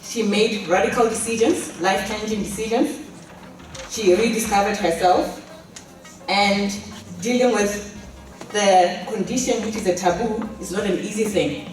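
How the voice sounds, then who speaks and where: A woman, a program fellow, presenting her group's view in an earnest, steady way. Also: mid-range voice, unhurried, soft background music. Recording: very echoey room, mic far off.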